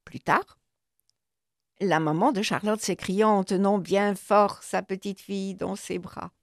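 A woman's voice: a little slow, dry recording, studio quality. A woman storyteller reading a children's storybook aloud, narrating expressively. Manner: expressive, with sweeping pitch.

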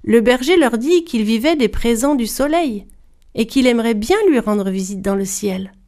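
A woman narrating a folk tale in a measured, even storybook style. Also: fairly high pitch.

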